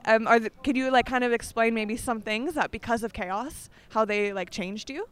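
Chatty Canadian-born woman, higher voice. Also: normal speed, a bit bright, clear, resonant tone. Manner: friendly, chatty, many fillers. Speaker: podcast co-host and street interviewer. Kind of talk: casual chat and interviewing.

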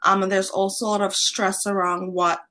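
This guest on a podcast interview is a young woman from Trinidad and Tobago who founded an online platform. She speaks briskly at a medium pitch, friendly and animated, with frequent ums.

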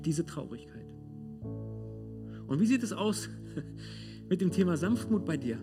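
Preacher, male, high voice, direct and searching, loud-soft swings, guitar playing clearly beneath him. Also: big pitch swings, a little slow. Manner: talks straight to listeners with rhetorical questions; swings between loud stress and hushed softness. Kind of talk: sermon. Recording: sermon with clear guitar music underneath. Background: guitar music.

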